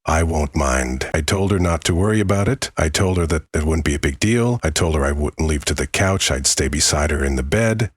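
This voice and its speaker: A man narrating a scripted first-person horror story in a measured way, with dramatic pauses. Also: extremely low pitch, breathy edge, no room sound, studio quality.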